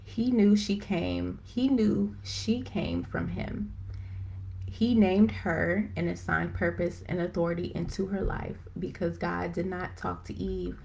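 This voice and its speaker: A woman hosting a live stream, chatting casually and excitedly with lots of fillers, rambling as she goes. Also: on the low side, vocal fry, slight background noise. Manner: excited, self-described as talking fast. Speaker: host of a live video chat. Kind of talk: casual faith-based chat. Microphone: phone or computer for a live stream.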